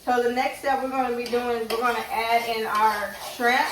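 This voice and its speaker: A fairly high, evenly intoned voice at ordinary speed belongs to a woman wearing braces who runs an informal cooking demo as a home vlogger. She thinks aloud as she goes; the kitchen sounds roomy through a distant mic, with a touch of noise.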